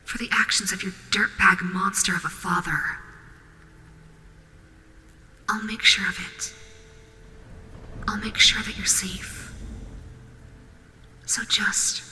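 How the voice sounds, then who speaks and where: A woman voicing a tsundere nightmare animatronic rabbit, gruff but protective, in an intimate, hesitant roleplay audio drama style. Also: medium pitch, steady tone, faint music behind. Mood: hushed, protective. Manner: hesitant, halting, flustered tsundere softness.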